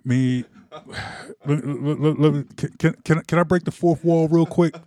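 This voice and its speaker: A man's voice: fairly high pitch, moderate pace, warm tone, no room sound. A man hosting a casual sports podcast from his home man cave, playful and rambling, repeating words, a little tipsy. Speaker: podcast host.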